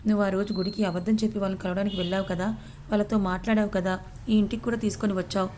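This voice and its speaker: Young husband in an audio story, read by a woman: stubborn, curt, even-toned. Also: medium pitch, rapid-fire, slight background noise, natural voice. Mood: angry.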